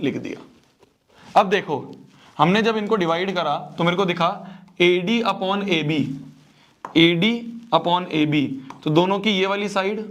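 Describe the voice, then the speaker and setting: A man's voice: high-pitched, fairly bright tone. A young man teaching a math exam-prep lesson, repeating phrases and checking that students follow.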